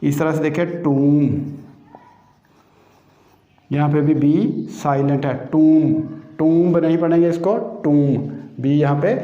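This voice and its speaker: A man's voice: on the high side, steady tone, unhurried, pauses often, warm tone. A man teaching English pronunciation rules, explaining patiently step by step and repeating each key term. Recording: echoey room, dull lo-fi sound.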